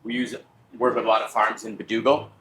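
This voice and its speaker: A middle-aged American man, a chef, explaining his cooking in a casual, halting conversational way. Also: on the low side, little pitch movement, sharp tone, a little hiss or hum. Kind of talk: casual cooking demonstration and chat. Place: restaurant kitchen. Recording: echoey kitchen room sound.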